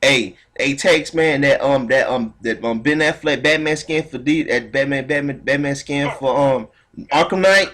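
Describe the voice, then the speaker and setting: A man's voice: medium pitch, moderate pace, fairly bright tone. A man hosting a casual podcast pre-show, slangy and laid-back. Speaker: podcast host.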